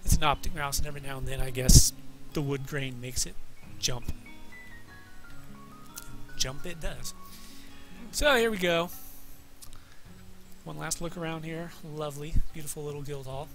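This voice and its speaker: Guy doing casual gameplay tour commentary, kinda high voice, jokey and self-deprecating, game music behind him. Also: normal speed, long pauses. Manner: playful, joking, self-deprecating asides. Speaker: gamer hosting a guided video game tour. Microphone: desk microphone, voice-over on game footage.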